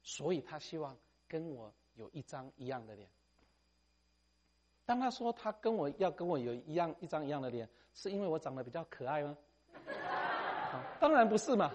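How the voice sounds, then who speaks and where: A middle-aged man preaching, lively and conversational. He tags his sentences with a chatty "ha" and drops English phrases into his talk. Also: fairly high pitch, moderate pace, pauses often, highs cut off, slight background noise. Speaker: missionary speaker. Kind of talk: sermon.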